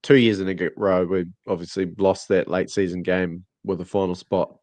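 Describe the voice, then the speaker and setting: A man co-hosting a podcast in casual chat, nasal from a cold, measured and focused on stats. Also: low voice, flat delivery, a little mellow, no echo. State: has a cold. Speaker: podcast co-host.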